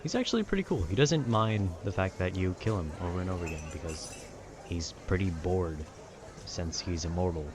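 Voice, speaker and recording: A young man, an audio content creator, rambles casually to listeners about video games in a nerdy, slangy, meandering way, often trailing off and losing his thread. His voice sits low, expressive and fairly quick. Clear background noise of urban ambience is audible.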